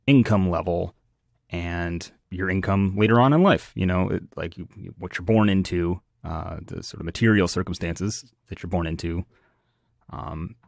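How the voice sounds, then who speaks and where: A man's voice: low-pitched, vocal fry, dry recording, clean studio sound. A man talking as an astrologer co-host in a casual podcast chat, hesitant, full of fillers and restarts.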